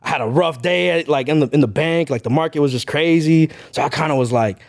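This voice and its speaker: A young man, telling stories as a podcast guest in a loose, animated way, with lots of "like" and "bro". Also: a little high, quick pace. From Chelsea, Massachusetts. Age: young adult. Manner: animated storytelling, heavy use of "like" and "bro". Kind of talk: casual interview chat.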